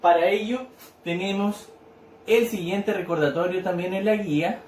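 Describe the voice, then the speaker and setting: A male teacher works through a worksheet in a recorded lesson, patiently repeating himself, clapping out syllables, and checking in with tag questions. His voice is high-pitched and darkish at a normal speed. The mic is distant in an echoey room, with a faint hiss or hum.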